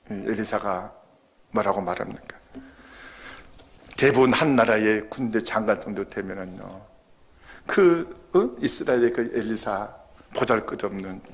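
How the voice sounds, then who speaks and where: A man's voice: lowish voice, gravelly, a bit bright. A man preaching a sermon as pastor in a church, often asking his congregation rhetorical questions. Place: church sanctuary.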